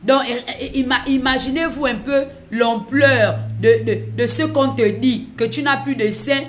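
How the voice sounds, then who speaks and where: Emphatic prophetess giving testimony. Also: female voice, high-pitched, fairly even intonation, a little slow, a little hiss or hum. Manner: emphatic, repetitive storytelling addressing the audience. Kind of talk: religious testimony.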